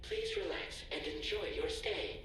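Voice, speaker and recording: Slow, echoing spa-receptionist greeter. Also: female voice, medium pitch, huge pitch swings, background noise. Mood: soothing welcome. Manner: soothing, formal welcome like a spa receptionist. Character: welcoming female facility host greeting a resting guest. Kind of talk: scripted game greeting. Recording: roomy echo with music.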